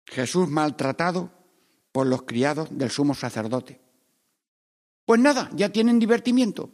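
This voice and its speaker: A man's voice: on the high side, expressive, measured pace. Prayerful preacher man in a reverberant church. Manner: prayerful, swinging between hushed pleas and loud emphatic lines. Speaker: priest. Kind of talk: meditative Stations of the Cross preaching.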